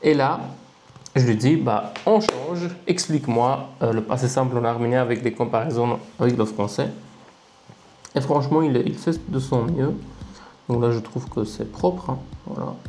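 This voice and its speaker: A man's voice: mid-range voice, normal speed, dark tone, slight background noise. A man casually walking through his screen, chatty and amused, thinking aloud as he goes. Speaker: language-learning video creator. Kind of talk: casual screen-recording commentary.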